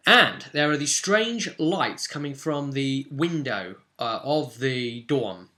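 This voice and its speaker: Retelling a tabletop roleplay session he ran, this man speaks casually yet animatedly, stressing key moments and pausing for suspense. His voice is mid-range, bright, and forceful.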